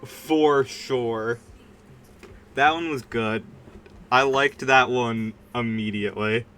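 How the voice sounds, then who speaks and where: During a gaming livestream, the streamer talks slowly in a slightly bright, mid-range voice, rambling in an informal, emphatic way. There's slight background noise.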